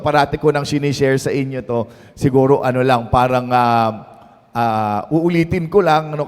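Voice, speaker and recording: A man's voice: mid-range voice, darkish tone, in a large hall. A Filipino man, a priest, giving a conversational sermon at a prayer meeting, mixing Tagalog and English and often tagging his sentences with "no?". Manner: mixes Tagalog and English, tags phrases with "no?"; storytelling, conversational.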